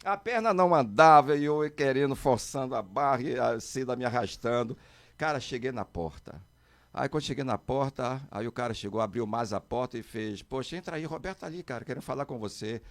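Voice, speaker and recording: A middle-aged man, telling a story as a podcast guest and acting out quotes in a high, excited voice. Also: brisk, dry recording. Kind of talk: animated storytelling.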